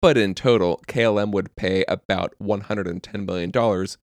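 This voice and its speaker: A man's voice: fairly low pitch, steady tone, normal speed, dry recording, studio quality. A young man co-hosting a casual podcast, telling a story from notes and breaking into jokes and swearing. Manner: jokey, swears freely, reads facts then riffs. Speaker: podcast co-host.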